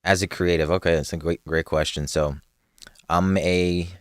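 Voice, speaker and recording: A man's voice: sits low, fairly even intonation, normal speed, smooth, no room sound, clean studio sound. A young man from New chatting casually as a podcast guest, laid-back, laughing often and using street slang. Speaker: podcast guest, clothing brand co-owner.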